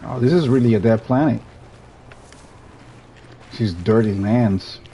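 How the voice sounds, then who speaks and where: In a lowish, mellow voice and an unhurried pace, a young Puerto Rican streamer talks his way through gameplay. He's a native Spanish speaker with a Puerto Rican accent, relaxed and rambling, often restarting sentences, and a little hiss or hum sits under the recording.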